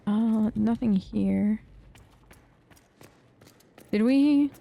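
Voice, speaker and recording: Chatty, excitable woman gaming host. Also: a little high, drawn-out words, creaky. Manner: chatty, excitable, easily startled. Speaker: let's play host. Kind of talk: gameplay commentary. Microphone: headphones with mic.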